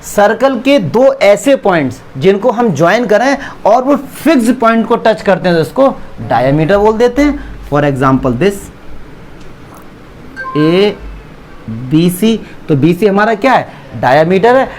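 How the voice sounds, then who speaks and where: A man's voice: sits high, very animated, normal speed. Man, maths teacher, classroom lecture, asks and answers own questions, teasing, faint background noise. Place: classroom with students.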